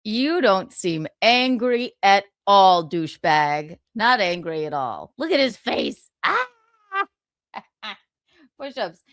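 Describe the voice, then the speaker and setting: A woman streamer reads a book aloud, breaking off for sarcastic comments and frequent chuckles, and thanks viewers for donations mid-read. Her mid-range voice is very animated and a bit bright, she takes it slowly, and the clean studio sound has no room sound.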